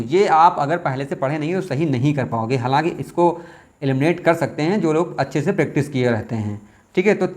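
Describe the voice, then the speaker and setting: Man explaining Hindi test answers. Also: a little high. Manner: explains aloud, repeats words slowly, thinks aloud. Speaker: Hindi exam teacher. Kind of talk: test question walkthrough.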